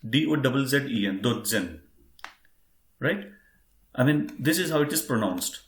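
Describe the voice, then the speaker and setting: Man, language teacher, patient, spells words out, mid pitch, echoey room. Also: lively intonation, moderate pace. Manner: patient, repeats and spells words out, addresses "friends". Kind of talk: online class teaching.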